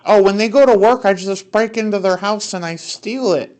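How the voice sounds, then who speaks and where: A man on a prank phone call, making blunt, deadpan, over-the-top confessions. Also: high-pitched, normal speed.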